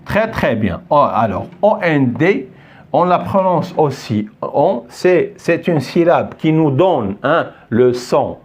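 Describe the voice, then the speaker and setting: A man's voice: on the high side, very animated, slow, slightly rough. A man teaching a French phonics lesson, patient and repetitive, often praising with "très bien". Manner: patient, repeats words many times, praises with "très bien".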